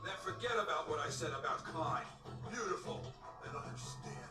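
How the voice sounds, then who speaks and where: A man's voice: fairly high pitch, expressive, a little fast, echoey room, natural voice. An actor playing a sarcastic, cocky male demon hunter in a video game, speaking in a dry, mocking drawl. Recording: distant game audio with music.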